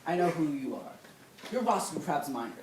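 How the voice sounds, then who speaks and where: A woman's voice: sits low, very animated, moderate pace. A woman playing a shifty, blustering father in a stage comedy. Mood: firm. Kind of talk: live stage comedy acting. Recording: echoey stage, distant mic, clear noise.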